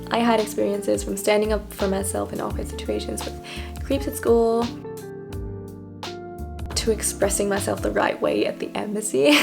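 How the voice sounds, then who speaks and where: A young adult woman talks candidly in a casual vlog, reflective and self-deprecating, often laughing at herself. Her voice is medium-pitched with vocal fry.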